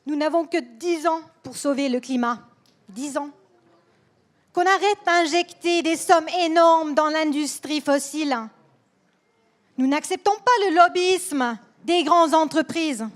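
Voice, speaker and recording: A high-pitched woman from Sweden gives a rally speech on politics in a language not her own, the accent audible. Her delivery in the hall is careful and deliberate, with words repeated along the way.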